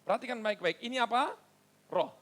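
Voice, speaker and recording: A middle-aged male pastor, preaching a lively sermon and teasing the congregation. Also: very high-pitched, brisk. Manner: lively, mixes stern asides with playful teasing of the congregation.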